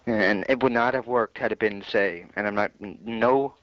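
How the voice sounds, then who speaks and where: A man's voice: on the low side, moderate pace, dry recording. A man hosting a show, interviewing guests in a casual radio style. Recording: muffled lo-fi recording, faint noise.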